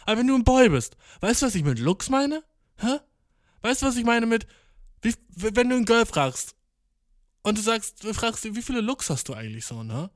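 Young guy, casual vlog rant, slang-heavy, ironic, a bit higher voice, dry close mic. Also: sing-song, normal speed, dry recording. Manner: slangy, ironic, rambling, mixes English words. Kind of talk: casual monologue to camera.

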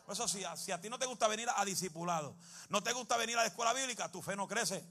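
A man preaching a fiery sermon as pastor, shouting and speaking in tongues. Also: high voice, racing.

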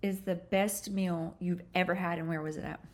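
A woman with a Southern US accent hosting a casual podcast interview, playful and animated as she asks questions. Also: on the low side, normal speed.

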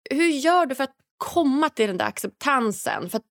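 A woman's voice: sits high, wildly swooping pitch, dry recording, studio quality. A woman hosting a podcast conversation who agrees readily and asks her guest questions. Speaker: podcast host.

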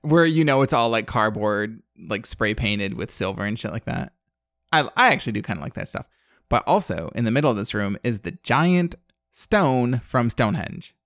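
A man's voice: on the low side, very animated, moderate pace, a bit bright, no room sound, studio quality. A man in his thirties hosting a podcast, recapping a film in casual chat, blunt and sarcastic, with plenty of fillers. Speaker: podcast host.

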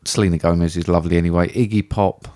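A man's voice: low-pitched, fairly even intonation, fast talker, warm tone. A man co-hosting a casual film podcast, blunt and enthusiastic, swearing casually as he talks. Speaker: podcast co-host.

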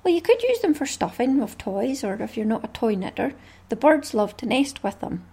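A woman's voice: fairly high pitch, very animated, normal speed, warm tone, slightly rough. A Scottish woman hosting a craft podcast, talking in a chatty, rambling way with small laughs. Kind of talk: casual solo podcast chat.

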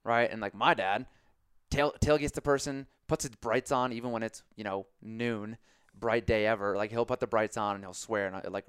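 A man co-hosting a podcast, chatting casually and telling stories with lively shifts of voice. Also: moderate pace, clear, resonant tone, dry recording, clean studio sound. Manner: animated storyteller, jumps into high voices for quotes. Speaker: podcast co-host; coach.

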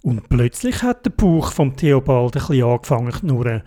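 Swiss german storyteller reading a kids story, very lively singsong melody. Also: medium pitch, moderate pace. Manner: sing-song, lively, singing little songs.

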